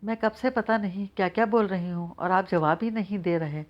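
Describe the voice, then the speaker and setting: A woman's voice: medium pitch, lo-fi sound, lightly acted. A woman reading the lines of a young newlywed wife, pleading and tearful.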